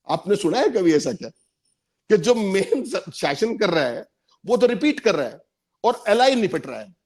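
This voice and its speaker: A man's voice: high voice, a little mellow. A man giving emphatic political commentary on a panel, repeating points for stress.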